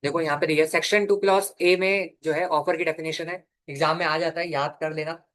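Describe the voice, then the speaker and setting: Man dictating a slow law lecture. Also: a little high, steady tone, a bit bright. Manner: dictates slowly, asks and answers his own questions. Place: classroom or studio.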